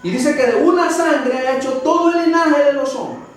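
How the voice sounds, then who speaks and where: A man's voice: very high-pitched, normal speed. A man with a Salvadoran Spanish accent teaching a Bible study, often calling listeners brother and asking rhetorical questions. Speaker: preacher. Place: church hall. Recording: echoey room from far off with faint ambience.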